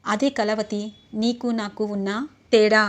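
A woman's voice: mid-range voice, level tone, unhurried, a bit bright, lightly acted. A woman reading the lines of an earnest, remorseful young husband in a retold serial scene.

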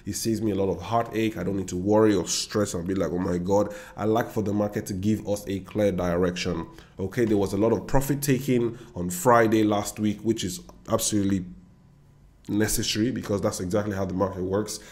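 Sitting at his desk indoors, a young Nigerian forex trader and educator walks viewers through charts on a screen share, speaking straight to them with confident, chatty asides. He has a Nigerian accent and a fairly low, steady, slightly mellow voice that moves fairly quickly.

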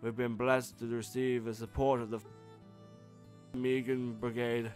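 A man voicing a gruff old male resistance leader from a video game, speaking slowly. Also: medium pitch, level tone, a little mellow, faint music behind, lightly acted. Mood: proud.

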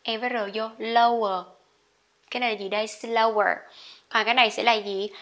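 A woman who speaks Vietnamese as her first language, teaching English pronunciation in a casual online lesson, chatty, saying each example word loudly. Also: a little high, fairly even intonation, fairly quick.

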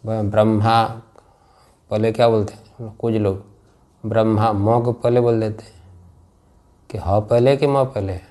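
A man teaching Sanskrit grammar to a class. He speaks slowly, repeats key phrases and keeps asking his students whether they follow. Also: fairly low pitch, steady tone, mellow. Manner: slow and repetitive, drills phrases and checks understanding. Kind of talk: classroom lecture with questions to students.

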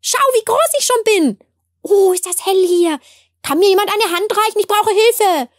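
A woman voicing a crowd of tiny excited light beings in a storybook tale, calling out eagerly. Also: extremely high pitch, normal speed, no room sound, clean studio sound, voice pushed up.

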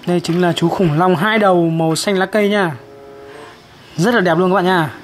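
A high-pitched man presents toys to very young children. He talks as if to a toddler, in short, repeated, encouraging phrases and simple questions. There is clear noise behind his voice. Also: fairly even intonation, moderate pace. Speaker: presenter of a children's toy video. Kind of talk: toy-washing narration for young children.

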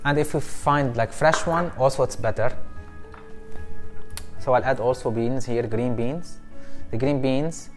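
A chef in his thirties giving a cooking demonstration in a studio kitchen, explaining each step in simple, halting English. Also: mid-range voice, faint music behind. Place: studio kitchen set, indoors.

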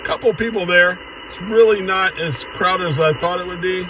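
A man's voice: sits high, moderate pace. An American man in late middle age chatting casually as he operates a ham radio from inside a car. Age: 50s or 60s. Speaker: amateur radio operator and vlogger. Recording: radio static behind the voice. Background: radio noise.

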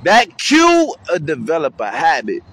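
This man's voice is a little high and fairly bright, with huge swings in pitch and a slightly slow delivery. He's a community outreach speaker chatting to camera outdoors on a city street, where faint street noise can be heard. Speaking from the heart in slangy terms about mentoring kids, he acts out their voices.

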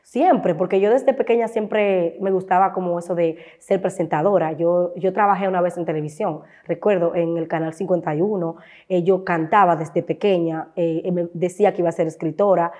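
A woman's voice: lowish voice, fairly even intonation, normal speed, darkish tone. A woman with a Dominican accent, a guest on a talk show, telling her personal story with emotion and acting out remembered voices. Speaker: guest, content creator.

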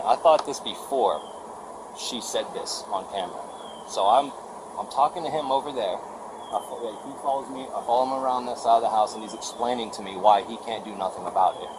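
A man's voice: lowish voice, fairly quick. Rambling, worked-up man on a noisy body cam. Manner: animated, rambling retelling with many restarts. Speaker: tenant vlogger. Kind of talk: casual storytelling.

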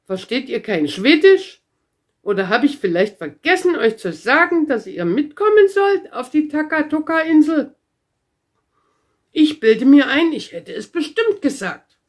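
A woman's voice: high-pitched, very animated, unhurried, pitched above the performer's own voice. A woman voicing a cheerful, boastful young girl in a storybook read-aloud, with a bouncy, carefree manner. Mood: cheeky. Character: cheerful, boastful red-haired girl, very strong.

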